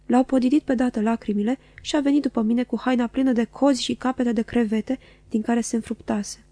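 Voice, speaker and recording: A woman narrating a classic novel as an audiobook in a measured, expressive reading. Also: a little high, no echo.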